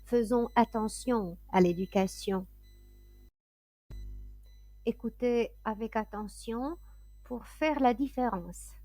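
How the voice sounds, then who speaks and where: A woman teaching French pronunciation, reading word lists and example sentences in a careful, clearly enunciated way. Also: a little high, takes it slowly, long pauses, mellow, no echo. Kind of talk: slow, deliberate word-list reading.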